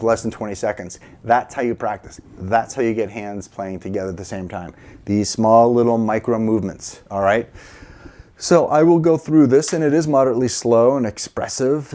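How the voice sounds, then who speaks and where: A man's voice: medium pitch, dark tone. A middle-aged man teaching a casual piano lesson, encouraging and counting aloud, a little sleepy. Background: piano playing.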